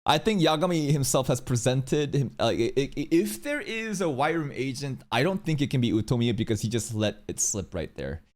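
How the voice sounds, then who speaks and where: A man's voice: mid-range voice, big pitch swings, moderate pace, hardly any pauses. A young man giving casual anime reaction commentary in a slangy, sweary manner.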